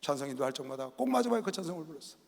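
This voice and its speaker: Male pastor preaching in a huge arena hall, high voice that swings all over, goes from whisper to shouting. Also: very animated, very fast, vocal fry. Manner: dramatic storytelling, swinging from hushed whispers to loud cries. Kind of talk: sermon. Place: large indoor sports arena used for worship. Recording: long reverb of a big arena hall.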